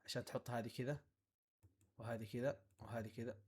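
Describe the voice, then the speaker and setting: A man's voice: mid-range voice, fairly quick, breathy edge. A man giving casual let's-play commentary, talking to himself and to the animals in his game. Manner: talks to himself and the animals in the game, playful and excitable. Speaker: gaming YouTuber. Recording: faint game music behind.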